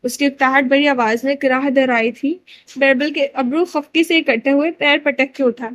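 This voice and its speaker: A woman narrating a romance novel aloud in an expressive storytelling manner. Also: sits high. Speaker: audiobook narrator.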